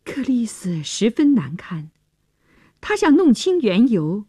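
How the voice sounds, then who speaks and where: Expressive husky-voiced female storyteller. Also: a little high, takes it slowly, dry recording, clean studio sound. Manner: expressive, dramatic narration. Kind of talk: radio storytelling. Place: studio.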